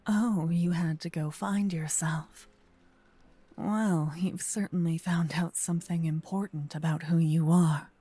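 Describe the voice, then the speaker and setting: Whispering softly into a close binaural mic that travels ear to ear, a woman plays a gentle but possessive vampire abductor in ASMR roleplay, casting herself as the listener's protector. Her lowish, steady, breathy voice carries no echo and sounds chiding and intense, delivered slowly and intimately with earnest, dramatic pauses.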